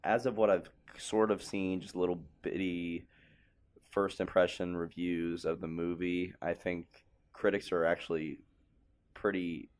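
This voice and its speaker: A man's voice: sits low, level tone, a little slow. A young man co-hosting a podcast, chatting casually in a laid-back, rambling way and laughing often. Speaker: podcast co-host. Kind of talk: casual chat.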